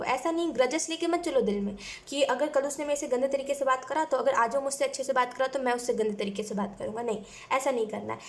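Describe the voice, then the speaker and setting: A young woman giving a chatty tarot reading, talking casually and often asking "है ना" and adding "you know". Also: high voice. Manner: chatty, mixes English phrases, repeats "है ना" and "you know". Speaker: tarot reader.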